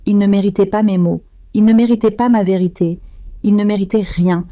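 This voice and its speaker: A woman narrating a first-person story in a measured, grave and emotionally restrained way. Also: medium pitch, steady tone, warm tone, dry recording.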